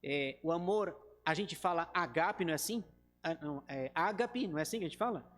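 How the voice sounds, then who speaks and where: Male pastor, Brazilian accent, high-pitched, chatty Bible study lesson, acts out quotes, long church reverb. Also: brisk, fairly bright tone. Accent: Brazilian Portuguese. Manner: talks to the group directly and acts out quoted speech.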